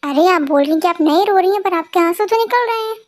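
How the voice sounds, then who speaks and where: Woman doing a young boss guy, brisk but caring, very high voice. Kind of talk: amateur dubbed fan story.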